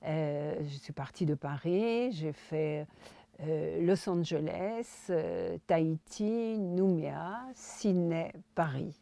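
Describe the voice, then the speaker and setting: With a deep, slow voice touched by vocal fry, a female filmmaker and writer shares anecdotes as a guest in an interview conversation. She tells them with animation, performing the dialogue herself, and there is no echo in the recording.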